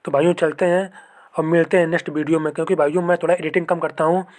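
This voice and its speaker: A young man talks rapid-fire in a fairly high, slightly mellow voice with little pitch movement. Hosting an exam-prep video as a fellow candidate, he informally explains mock test scores and cut-offs. He repeats himself, addresses viewers as brothers and often checks in with "okay."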